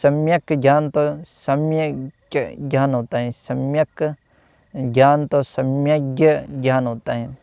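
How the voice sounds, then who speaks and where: A man teaching a grammar lesson at an unhurried pace, going through one word after another with a steady drilling repetition. His voice has a gravelly edge but stays smooth and resonant. The recording is dry and a little dull, like a cheap microphone. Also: mid-range voice, dry recording. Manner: slow, repeats each corrected word with "तो ... होता है"; hesitant, with fillers and self-corrections. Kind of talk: reading out a Hindi grammar lesson.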